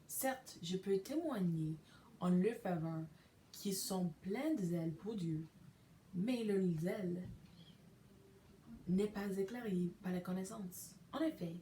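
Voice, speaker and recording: A woman hosting a podcast, reading scripture aloud slowly and carefully from her bedroom, sometimes correcting herself. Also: lowish voice, warm tone, slight background noise. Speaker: podcast host reading a daily devotional. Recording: echoey room recording.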